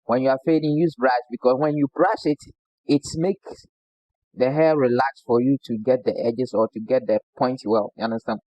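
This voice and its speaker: A man's voice: mid-range voice, steady tone, normal speed, warm tone, no echo, lo-fi sound. A man from Ghana with a Ghanaian English accent, a barber giving a casual hands-on demo who keeps asking "you understand?". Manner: repeats "you understand?" as a constant check-in.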